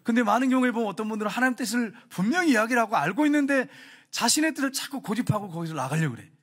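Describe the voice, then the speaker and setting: A man's voice: very high voice, expressive, rapid-fire, a bit bright. A middle-aged man preaching a sermon. He tells a story and asks the congregation questions, and he builds to emphatic peaks. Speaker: pastor.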